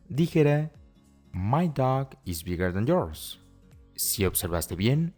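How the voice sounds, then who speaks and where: A man explaining grammar rules step by step as a teacher, reading example phrases slowly and carefully. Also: on the low side. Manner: explains step by step, often repeating "si observaste bien" and "por lo tanto". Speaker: English teacher. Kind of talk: scripted Spanish-language grammar lesson. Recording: soft music underneath.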